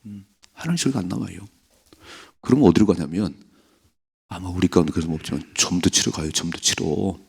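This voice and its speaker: Gravelly low-voiced pastor preaching. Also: male voice, a little fast, pauses often. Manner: earnest preaching, acting out quoted voices. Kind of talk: sermon.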